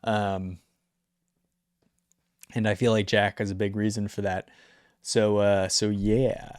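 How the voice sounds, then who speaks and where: A young man casually ranking esports players in a relaxed, rambling way, with lots of ums and likes. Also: lowish voice, slow, clean tone, dry recording, clean studio sound. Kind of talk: casual talking-head video.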